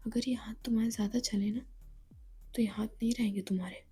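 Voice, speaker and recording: A cold, domineering young woman threatens in a low, half-whispered voice, as a woman telling a story puts her on. The tone is mellow and dark, with faint music behind. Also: steady tone, a little fast, slightly rough. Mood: menacing. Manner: low, hushed, menacing.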